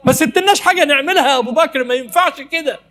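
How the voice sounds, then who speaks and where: A man's voice: extremely high pitch, racing, pushed and bright, voice pushed up. A male preacher voicing an earnest, devout man who jokingly complains to a friend in a retold story. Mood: teasing. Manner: playful complaint, laughing.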